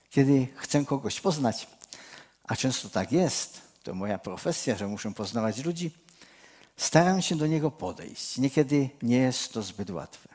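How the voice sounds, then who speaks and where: A man's voice: mid-range voice, darkish tone. Earnest male preacher. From Czech Cieszyn region. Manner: earnest, addresses listeners directly, often restarts, rises when stressing a point. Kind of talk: sermon.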